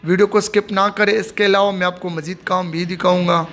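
Filming on his phone outdoors, a man gives a casual walking tour of a stadium under construction. His voice sits high and is fairly bright, with little pitch movement and a brisk pace, and his commentary is plain and repetitive.

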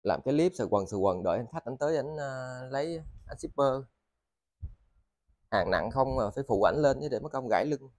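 A man with a southern Vietnamese accent giving a casual, rambling sales vlog, halting and often repeating his words. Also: medium pitch, expressive, darkish tone, no echo. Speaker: seller of used motors and machine parts. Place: indoors in a cluttered tiled storeroom.

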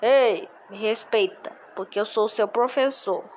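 A woman's voice: mid-range voice, slight background noise, close to an everyday voice. A woman doing a strict, suspicious male teacher. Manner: slow, drawn-out questioning.

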